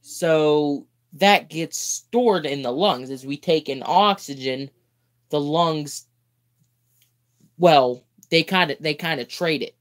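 A man's voice: a little high, slow. A sleepy young man hosting a casual live stream, reading a book aloud and breaking off with goofy, chatty asides. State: sleepy, yawning.

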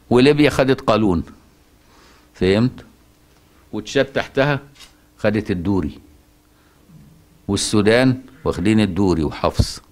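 A man with an Egyptian accent giving a colloquial Quran lesson, often asking his listeners if they follow and chanting verses slowly. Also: lowish voice. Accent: Egyptian Arabic. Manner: conversational, asks rhetorical checks, chants verses slowly. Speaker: Quran teacher.

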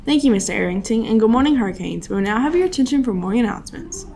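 A young woman reads scripted school news as the anchor. Her voice is fairly high and she moves very quickly through each item. A faint layer of noise sits behind her desk microphone. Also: lively intonation, warm tone. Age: teens to young adult, high school student. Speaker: school morning announcements anchor. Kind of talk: scripted news announcements read to camera. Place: small studio at a desk. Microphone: desktop microphone.

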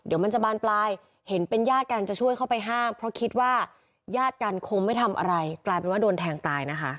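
A woman field reporter telling a news story in a chatty, animated way. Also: mid-range voice, fast talker.

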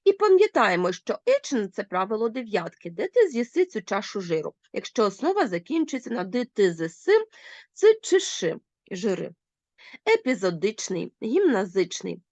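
A woman teacher giving a recorded grammar lesson to schoolchildren, spelling out example words slowly and clearly. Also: dry recording, dull audio. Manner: slow, deliberate dictation of examples with lively pitch jumps.

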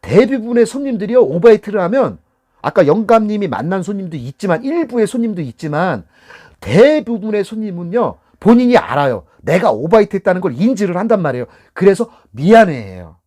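A man's voice: high voice, very animated, brisk, a little mellow. A middle-aged man, a taxi driver and channel host, giving casual advice talk and acting out angry and soothing passengers as he goes.

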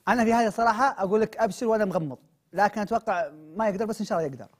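A man's voice: sits high, rapid-fire. A young Saudi man in a comedy sketch, breezy and offhand, brushing worries aside with easy promises. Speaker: comedy show co-host. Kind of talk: comic sketch dialogue.

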